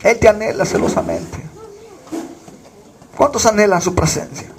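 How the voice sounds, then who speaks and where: A man from Bolivia preaches a fervent sermon, his voice sitting high for a man. He keeps asking the congregation questions and answering them himself. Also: sing-song, normal speed, a crowd in the background. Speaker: pastor.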